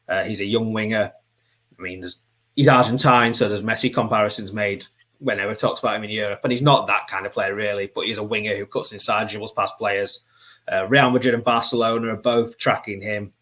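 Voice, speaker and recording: A low-pitched man talks through an interview answer. He is conversational and loose, and he often stops and restarts his sentences with fillers. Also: fairly bright tone. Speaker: football writer and editor.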